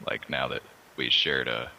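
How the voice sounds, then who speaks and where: Very deep man with a smoker's rasp. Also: flat delivery, a little slow, pushed and bright. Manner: radio-DJ-like delivery. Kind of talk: casual chat. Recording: noisy voice call.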